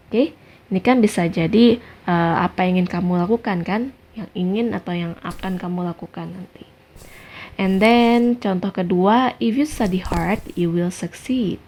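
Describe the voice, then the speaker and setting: A woman with an Indonesian accent teaching an English grammar lesson over slides, explaining patiently and reading example sentences slowly and clearly. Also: lowish voice, darkish tone, a little hiss or hum.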